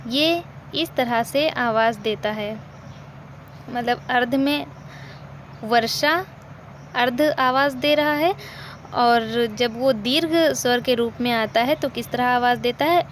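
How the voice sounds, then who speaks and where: A woman with a fairly high voice teaches a language lesson at a very slow, deliberate pace. She repeats each example and poses questions she answers herself. Faint background noise sits under her voice.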